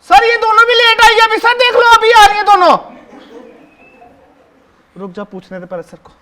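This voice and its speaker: A man plays a cheeky seventh-grade boy in a one-man show, addressing the audience in a very high, boyish voice at normal speed, with a little hiss or hum in the audio. Chatty, bossy and tattling, the boy keeps hushing and ordering his classmates around. He snitches to the teacher and fawns, tucking "sir" into every sentence.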